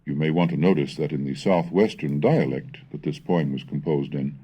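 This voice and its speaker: Heard on dull audio from a 1970s educational cassette, a husky bass-voiced man reads scripted narration about the history of English. He is measured and scholarly, becoming theatrical as he performs old Middle English verse.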